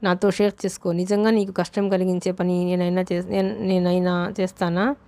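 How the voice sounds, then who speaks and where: Woman voicing a young guy in love in an audiobook, earnest and coaxing, pretty flat delivery. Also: lowish voice, normal speed, clean tone, lightly acted. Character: young man, an ardent persistent lover.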